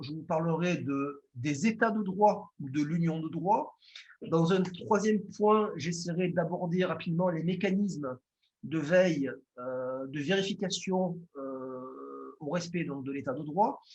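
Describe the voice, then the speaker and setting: A man with a Marseille accent gives a formal lecture on law. His voice sits a little high for a man, and he speaks hesitantly, with frequent "euh" fillers and restarts. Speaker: lawyer giving a conference talk.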